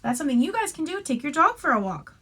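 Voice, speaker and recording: Her high-pitched voice moves fast as she reads a picture book aloud to young children. The teacher is lively and instructive, adding casual asides as she goes.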